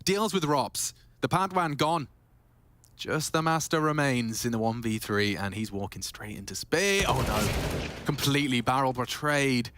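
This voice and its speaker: A man's voice: medium pitch, measured pace, fairly bright tone, slight background noise. A man doing live esports play-by-play commentary in dramatic, short punchy phrases.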